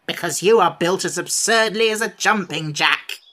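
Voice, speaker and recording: A woman's voice: deep voice, moderate pace, sharp tone. Woman voicing a sneering, grumpy Sawhorse. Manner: sneering, grumbling.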